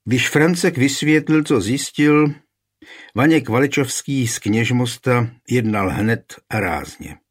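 A man reading a historical detective story aloud in a steady, measured narration. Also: medium pitch, husky.

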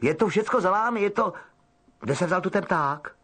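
An eager, loyal teenage boy who bursts out in exclamations , voiced by a man reading the story. His voice is lifted noticeably above the reader's own and carries a husky edge. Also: high voice, lively intonation, fairly bright tone, voice pushed up. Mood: relieved excitement.

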